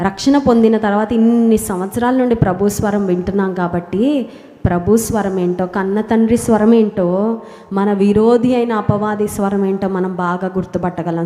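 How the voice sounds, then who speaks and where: A woman's voice: medium pitch, mellow. A woman preaching a sermon, asking rhetorical questions, repeating key phrases for emphasis and having listeners repeat scripture after her. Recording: roomy hall with long reverb.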